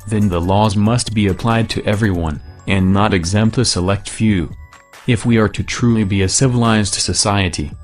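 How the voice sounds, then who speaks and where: A man reading a scripted protest manifesto in a disguised deep voice, solemn and measured, declaiming in repeated phrases. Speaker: anonymous activist spokesman.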